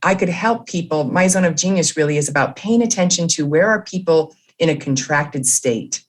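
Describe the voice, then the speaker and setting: A woman, a leadership author and coach, explaining her ideas earnestly and warmly as an interview guest. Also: low voice, moderate pace.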